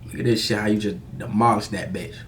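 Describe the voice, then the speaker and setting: A young American man with a fairly low voice talks casually, as if confiding in viewers on a personal vlog. His delivery is candid and halting, full of slang and swearing. Some light noise sits behind the voice. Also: steady tone. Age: young adult. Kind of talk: casual confessional vlog storytelling.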